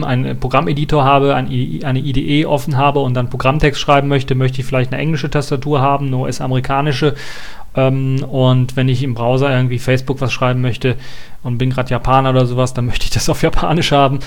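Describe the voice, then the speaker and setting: Casual German-speaking man reviewing software. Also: mid-range voice. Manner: thinking aloud with many filler sounds and restarts. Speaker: tech reviewer.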